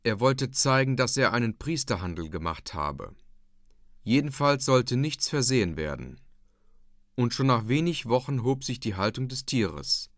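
A man narrating a classic novella in a measured, expressive storytelling manner. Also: medium pitch, no echo, studio quality. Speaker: audiobook narrator.

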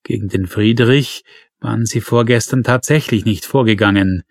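A man narrating a crime novel in a measured, wry way. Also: fairly low pitch, no room sound, studio quality. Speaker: audiobook narrator.

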